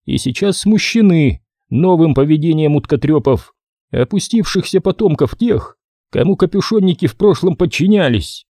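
A man voicing a cryptic, aloof alien machine intelligence in an audiobook, speaking in a measured way. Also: a little high, expressive, mellow, no room sound, studio quality, voice pushed up. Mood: enigmatic.

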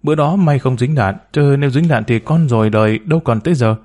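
A man's voice: mid-range voice, fast, darkish tone, close to an everyday voice. A man voicing a timid, humble woman of forty. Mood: bitter. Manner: deferential, hesitant, pleading. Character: timid humble woman about forty, former bar girl.

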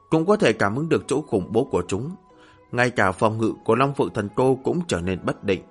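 Male narrator, husky tone, steady read over faint music. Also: medium pitch. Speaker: audiobook narrator. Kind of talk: scripted fantasy novel narration.

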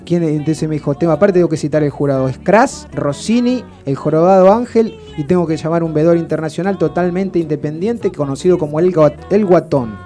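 Man, Argentine accent, radio storyteller, deadpan and rambling, slightly high voice, mellow tone, faint music behind. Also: fairly quick, hardly any pauses. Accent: Rioplatense Argentine. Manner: rambling, deadpan anecdote with frequent restarts. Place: radio studio.

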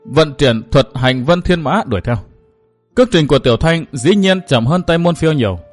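Male storyteller, measured, faint music. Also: a little high. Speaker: narrator. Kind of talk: scripted audiobook narration of a martial-arts novel. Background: faint background music.

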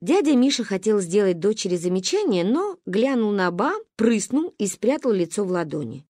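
A woman narrating a humorous story as an audiobook, with lively storytelling. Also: mid-range voice, moderate pace, no echo, studio quality. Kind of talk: expressive audiobook reading.

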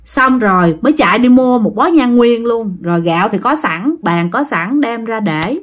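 A woman's voice: on the high side, animated, normal speed. A woman, telling a ghost story in a chatty way and speaking straight to her listeners. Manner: chatty, addresses listeners directly.

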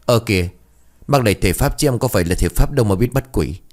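A man voicing a dim, cheeky young male sidekick in a spoken ghost story, with a whiny, excitable voice. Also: quick pace, lightly acted. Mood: pleading, teasing. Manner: whiny, excitable, high-pitched.

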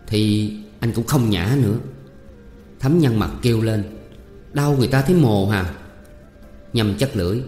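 A man narrating a romance story in a steady, even reading voice. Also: lowish voice. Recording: roomy reverb, faint music.

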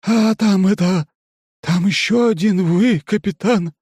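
A man putting on a high, squeaky voice for a startled alien crewmate. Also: slow pace, a little mellow, breathy edge, no echo, studio quality, exaggerated voice.

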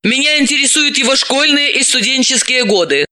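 A man voicing an anxious, quick-tempered woman psychoanalyst who speaks in a nervous, brisk way. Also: very high-pitched, animated, sharp tone, pitched above the performer's own voice, heavily acted.

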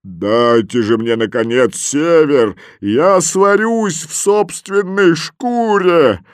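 A man's voice: on the high side, slow, dry recording, clean studio sound, pitched above the performer's own voice. A man reading an audiobook, voicing a huge grumpy polar bear who roars his demands. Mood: roaring. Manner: roaring, gruff, demanding. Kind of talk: audiobook character voice.

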